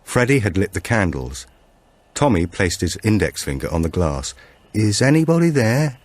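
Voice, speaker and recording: An audiobook narrator with a low, husky male voice delivers dramatic scripted narration of a thriller. His storytelling is measured and suspenseful, with lively intonation, and the recording has no room sound.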